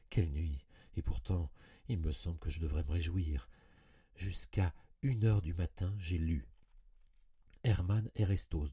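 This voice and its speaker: A man's voice: deep voice, warm tone, husky, dry recording. A man giving a dramatic literary reading of a story in an intense, anguished storytelling manner, on a close studio mic. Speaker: audiobook reader.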